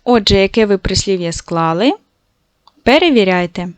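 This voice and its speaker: A woman teaching a recorded lesson to young schoolchildren, patient and encouraging, slowly stretching out sounds to show how they are said. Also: mid-range voice, expressive, clean tone, dry recording. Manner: praising, addresses children directly.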